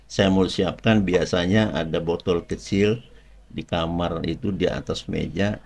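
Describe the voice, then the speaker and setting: Low-voiced man telling his faith story. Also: steady tone, unhurried, vocal fry, darkish tone. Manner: conversational storytelling with frequent asides to listeners; jokes lightly while telling the story. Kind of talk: personal faith testimony.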